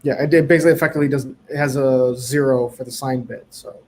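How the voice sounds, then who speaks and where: A man's voice: mid-range voice, steady tone, fast, a little hiss or hum, rough recording. A man with a mid-range voice asks casual questions from the audience. He thinks aloud and checks his understanding as he goes. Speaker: audience member asking questions.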